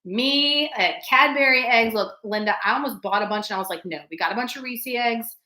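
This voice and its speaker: A woman's voice: on the high side, fairly quick, sharp tone, roomy sound. A woman hosting a casual live chat, laughing often and talking straight to her viewers. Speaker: livestream host reading chat.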